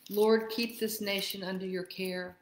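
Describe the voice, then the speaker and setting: A woman leading a church liturgy, reading prayers in a measured, steady way, with a roomy church echo. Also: mid-range voice. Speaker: worship leader. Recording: echoey room.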